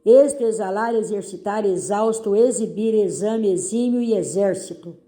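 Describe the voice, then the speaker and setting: A middle-aged woman, a teacher going over exercises in a recorded lesson and stressing each word slowly for her pupils. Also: mid-range voice, warm tone.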